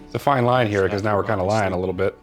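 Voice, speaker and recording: A man's voice: lowish voice, rapid-fire, over loud music. A man co-hosting a film reaction, chatting casually and explaining his thoughts.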